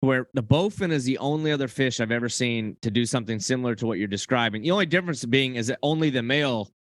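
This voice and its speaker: Relaxed podcast host man, dry sound. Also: mid-range voice, fast, dry recording. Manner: relaxed, laughs along, chatty. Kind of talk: casual conversation.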